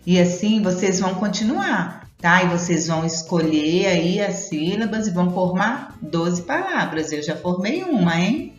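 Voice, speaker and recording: A woman teaching small children, her voice rising and falling in a sing-song way as she draws out each syllable. The sound is dull and a little roomy, with soft music underneath. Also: lowish voice, animated, unhurried, few pauses. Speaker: primary school teacher.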